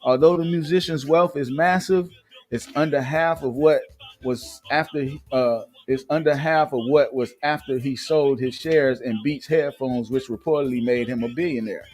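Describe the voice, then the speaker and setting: A man's voice: medium pitch, moderate pace, a little mellow. A man hosting a live show, chatting casually and reading news aloud with many fillers and restarts. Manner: loose, filler-heavy, restarts often. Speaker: show host. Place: Atlanta.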